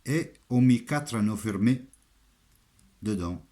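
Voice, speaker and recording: An Italian man speaking French with a foreign, Italian accent, giving a halting, step-by-step hands-on craft demonstration in simple, repeated phrases. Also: mid-range voice, expressive, mellow, a little hiss or hum. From Italy. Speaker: armourer giving a craft tutorial.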